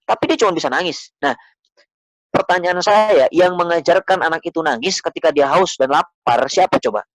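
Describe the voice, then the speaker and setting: A man's voice: on the high side, normal speed, fairly bright tone, dry recording. A man giving an Islamic study lecture in a conversational way, often asking the audience questions and acting out little voices. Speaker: Islamic preacher.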